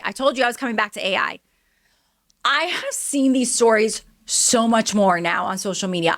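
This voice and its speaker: A woman's voice: medium pitch, fairly bright tone, no room sound, clean studio sound. Candid chatty woman in her forties. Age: 40s. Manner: candid, chatty, reads items aloud then reacts. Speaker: host. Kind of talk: solo news commentary podcast.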